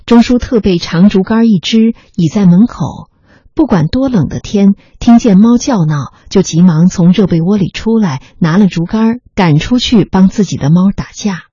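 Mellow, husky memoir narrator. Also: mid-range voice, normal speed, no room sound. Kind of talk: reading a memoir aloud with background music. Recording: slightly muffled recording with faint music.

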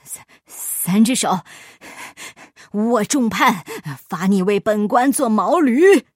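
A woman's voice: a little high, animated, measured pace, no room sound, studio quality. A woman voicing a pompous, bullying middle-aged male magistrate in a storybook reading, blustering and stammering. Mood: bossy. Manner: blustering, shouting, stammering in panic.

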